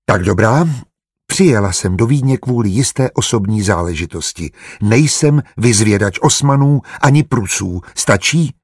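A man voicing a bold, sharp-tongued traveling woman in an audiobook, speaking sarcastically with a husky voice. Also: on the low side, animated, no room sound, studio quality. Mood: sly. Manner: sarcastic, biting.

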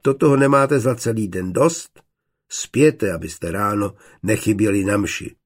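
A man's voice: on the low side, close to an everyday voice. A man reading an audiobook, voicing a stern older cleric who admonishes students. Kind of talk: audiobook character voice.

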